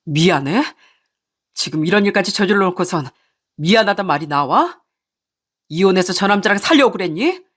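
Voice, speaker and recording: A woman's voice: medium pitch, expressive, normal speed, long pauses, a bit bright, breathy edge. A woman voicing a betrayed husband who angrily accuses his wife. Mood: angry, accusing. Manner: angry, accusing.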